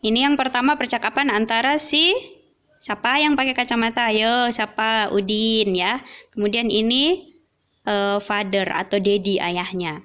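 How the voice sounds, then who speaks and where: A woman's voice: medium pitch, a bit bright. A young adult woman teaching an English lesson, explaining step by step and reading example dialogues aloud.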